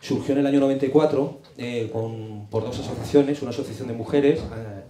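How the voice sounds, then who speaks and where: A man's voice: medium pitch, fairly even intonation, brisk, dark tone, slight background noise. Middle-aged guy from madrid presenting at a forum, handheld mic, joking about himself, echoey room. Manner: self-deprecating, chatty. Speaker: project presenter at rural culture forum. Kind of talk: conference presentation. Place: meeting room, indoors.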